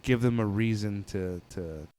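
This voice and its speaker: A man's voice: fairly low pitch, a little slow, darkish tone, a little hiss or hum. A man as a podcast guest, speaking bluntly with lots of swearing in casual chat. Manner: blunt, profane storytelling.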